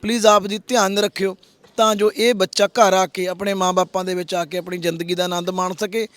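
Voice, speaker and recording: Social worker, earnest and pleading, fairly high voice, dry close sound. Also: male voice, level tone, fairly quick, a bit bright, dry recording. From Punjab, India. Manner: earnest, pleading, repeats please. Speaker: social worker, host of an appeal video. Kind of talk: public appeal to viewers.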